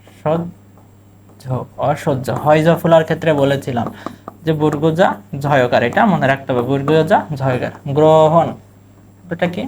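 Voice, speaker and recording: A male teacher with a Bangladeshi Bengali accent drills students on pronunciation. He asks a question, repeats the answer, and draws out model words slowly, syllable by syllable. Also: fairly high pitch, darkish tone, slight background noise. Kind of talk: recorded exam-prep lesson.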